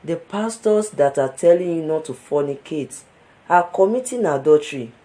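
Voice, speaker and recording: A man's voice: fairly high pitch, animated, normal speed, mellow, close to an everyday voice, low-quality recording. An actor with a Nigerian accent playing a cynical young man who talks street slang, sneering and scoffing. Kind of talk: film drama acting.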